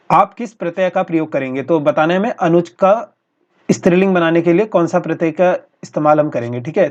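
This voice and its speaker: A male teacher going through practice exam questions in a steady, explanatory way, often repeating each answer. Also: on the high side. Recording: dull lo-fi recording.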